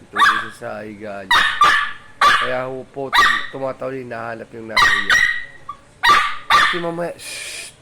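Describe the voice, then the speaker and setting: A man filming his pet dog at home, gently coaxing it and chatting about its habits. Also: mid-range voice, fairly even intonation, normal speed, vocal fry. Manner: soft coaxing talk to the dog, mixed with chatty explaining. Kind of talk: casual home vlog, talking to a dog. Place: home, indoors. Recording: noisy home recording with a dog.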